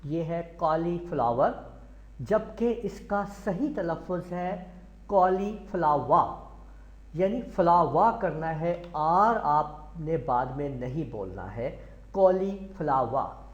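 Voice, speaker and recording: Slow-talking Pakistani man teaching pronunciation. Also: on the high side. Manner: repeats each word several times, spells it out letter by letter. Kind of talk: slow classroom lecture. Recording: echoey room, dull lo-fi sound.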